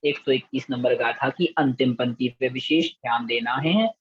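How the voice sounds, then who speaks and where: A man's voice: mid-range voice, slightly rough, no echo. A man teaching a scripture class, chanting verses syllable by syllable and explaining each word. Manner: slow drawn-out syllable-by-syllable recitation, then brisk explanation. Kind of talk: recitation lesson with call-and-repeat chanting. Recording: muffled lo-fi dry audio.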